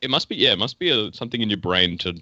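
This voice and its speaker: A man's voice: lowish voice, animated, rapid-fire, bright, forceful tone, no echo, lo-fi sound. An Australian man with an Australian accent, a guest musician chatting casually, laughing often and swearing easily. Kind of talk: casual interview chat.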